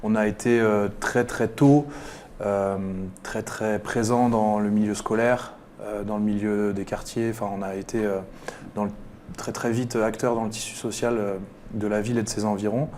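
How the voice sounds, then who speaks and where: A man's voice: fairly low pitch, little pitch movement, moderate pace, darkish tone, slight background noise. Hesitant rugby coach in his thirties. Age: 30s. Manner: hesitant, many fillers and restarts. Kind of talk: radio interview guest.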